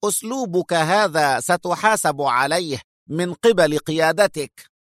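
A man voicing a nervous, cornered male agent who shouts in frantic, strained panic, pitched well above his own voice. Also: measured pace, no room sound, studio quality. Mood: tense, agitated.

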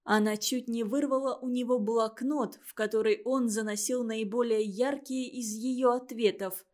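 Woman, audiobook narrator, higher pitch, expressive literary reading. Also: normal speed. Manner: expressive reading, acting out the dialogue. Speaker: audiobook reader.

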